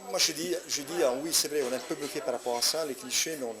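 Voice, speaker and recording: A man's voice: fairly high pitch, fast talker. A man with an Italian accent, a comedian answering interview questions in a hesitant way, with many fillers and restarts. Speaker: comedian guest. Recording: loud crowd chatter behind. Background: crowd chatter.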